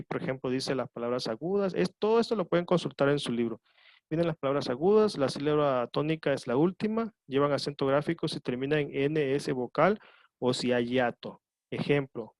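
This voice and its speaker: A male teacher gives an online lesson, patient and explanatory, going back over key points more than once. His mid-pitched voice has a gravelly edge. The sound is dry and close, with no room echo. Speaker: high school teacher. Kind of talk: online class lecture.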